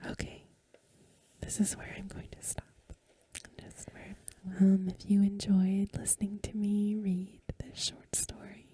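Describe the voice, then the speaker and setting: A woman with a medium-pitched voice reads in a measured, breathy whisper, soft-spoken like a bedtime ASMR recording.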